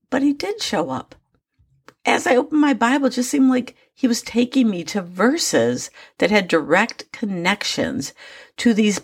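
A woman's voice: fairly low pitch, vocal fry, husky. A woman hosting a daily devotional podcast, speaking in an earnest, personal way with small asides. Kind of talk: scripted devotional talk.

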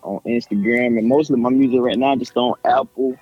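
A young man with a South Carolina accent answers interview questions in a laid-back, slangy way. His voice sits at an ordinary middle pitch, and faint music plays behind him. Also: fairly even intonation, brisk, darkish tone, husky, no echo, muffled recording. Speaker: rapper guest. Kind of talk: casual interview.

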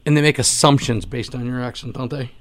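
A man hosting a casual interview, joking and teasing with quick questions. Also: mid-range voice. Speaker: host.

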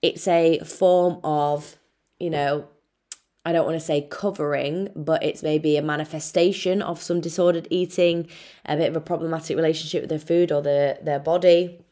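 Frank, sweary Irish woman with a low voice. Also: steady tone, normal speed, warm tone. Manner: frank and chatty, swears freely, addresses listener as babe. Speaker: nutritionist podcast host. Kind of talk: casual solo podcast talk.

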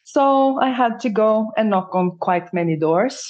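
A woman's voice: a little high, animated, a little slow. Hesitant Norwegian woman with a muffled voice. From Norway. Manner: hesitant, searching for words, soft laughs. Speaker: interview guest, photographer. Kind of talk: casual interview.

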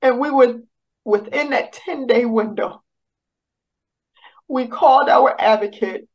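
This is a woman recounting a painful family decision in a personal faith story. She talks haltingly, restarting her sentences often. Her voice rises as the emotion builds. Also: fairly high pitch, darkish tone, rough recording. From United States. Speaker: guest sharing a personal story.

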